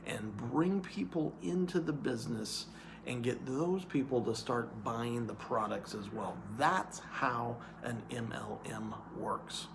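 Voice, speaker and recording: A man's voice: medium pitch, slow, creaky, background noise. A man working as an insurance hiring manager, explaining in an earnest monologue that repeats points and checks in with "okay?". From California.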